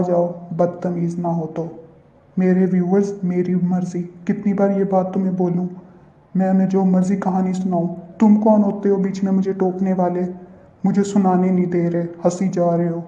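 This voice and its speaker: A man's voice: high-pitched, dark tone, natural voice. A man voicing a bossy, quarrelsome young woman in a cartoon who keeps scolding and repeating herself. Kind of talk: cartoon voice acting. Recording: roomy, dull lo-fi recording.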